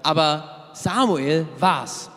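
A man preaching to young people, lively and casual, telling a story and acting out the characters' words. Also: a little high, drawn-out words, long reverb tail. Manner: lively storytelling with acted quotes, casual asides; loses his place, searches notes aloud. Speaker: youth preacher. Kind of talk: sermon.

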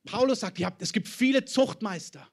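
A man preaching a sermon as pastor, swinging between loud declarations and hushed, intimate asides. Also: sits high, normal speed, gravelly.

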